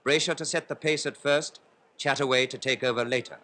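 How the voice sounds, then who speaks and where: A man with a mid-range voice delivers old newsreel commentary on a race. He's formal and brisk, and his play-by-play builds in excitement.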